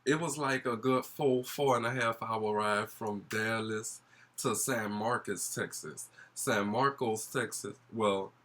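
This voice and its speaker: A young man from New Orleans, USA, with a matching accent, tells a casual vlog story as a YouTube storyteller, sounding gossipy, sassy and slangy. His voice is fairly low in pitch and a bit bright. He takes his time.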